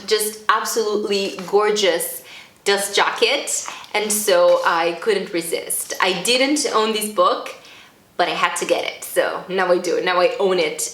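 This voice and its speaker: A woman's voice: mid-range voice, a bit bright, echoey room. A young woman chatting enthusiastically about books on her vlog, gushing and laughing often. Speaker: booktube vlogger. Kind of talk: casual vlog chat.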